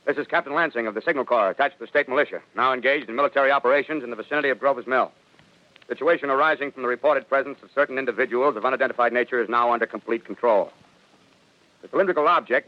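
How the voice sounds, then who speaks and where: A man's voice: mid-range voice, natural voice. A man playing an army captain giving a clipped field report in 1930s radio drama style. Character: confident male army captain reporting from battlefield. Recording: dull vintage 1930s radio recording.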